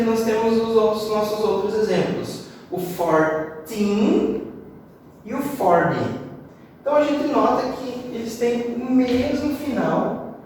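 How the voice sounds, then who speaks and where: Brazilian teacher drilling words slowly. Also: male voice, very high voice, a little mellow, far from the mic, slight background noise. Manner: explains step by step, repeating words slowly for drill. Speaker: English teacher. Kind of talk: classroom lesson. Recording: roomy echo, voice off-mic with long reverb.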